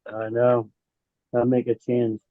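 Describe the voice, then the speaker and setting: A man's voice: mid-range voice, completely flat delivery, takes it slowly, no echo. A man drops into a video call from his phone, chatting in an easygoing, joking way. His voice comes through muffled and glitchy, squeezed into a thin, phone-like band. There is no room sound around him at all. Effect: muffled, glitching phone audio. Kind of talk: casual chat on a video call.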